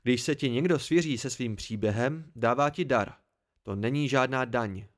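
A man's voice: medium pitch, lightly acted. A man voicing a brooding male innkeeper who talks in a stern, emphatic way. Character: grim, brooding male innkeeper, firm and lecturing.

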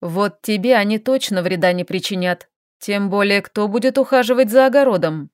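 A woman's voice: normal speed, smooth, no echo, clean studio sound, natural voice. Woman voicing a smug, teasing male elf. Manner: calm, teasing, lower and steadier.

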